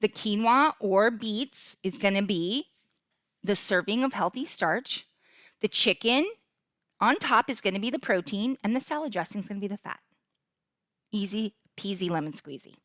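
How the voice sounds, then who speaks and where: A woman's voice: medium pitch, lively intonation, moderate pace, fairly bright tone, dry recording, studio quality. A middle-aged woman hosting a fitness podcast in a casual, upbeat way, often checking in with "okay?" as she explains. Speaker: podcast host and fitness coach.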